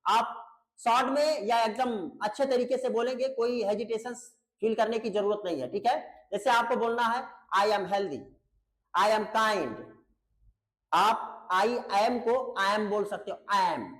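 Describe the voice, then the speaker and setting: A man with a high-pitched voice teaches grammar online, explaining everything in Hindi with pronunciation. He drills each point by repeating it, then asks his students to answer back. He calls them beta in a patient, teacherly way. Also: unhurried, fairly bright tone, low-quality recording. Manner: explains in Hindi, repeating key words and asking students questions; addresses students fondly as beta. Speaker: English teacher. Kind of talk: online English grammar lesson.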